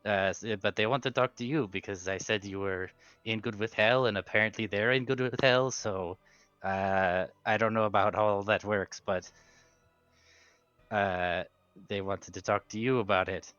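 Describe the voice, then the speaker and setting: Man as simple helpful adventurer woman, halting, plain-spoken, low pitch, tabletop role-play, muffled dry audio with music. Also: steady tone, fairly bright tone, clean tone, no room sound, natural voice. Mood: friendly, unsure. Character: simple, earnest, helpful female adventurer Zoro.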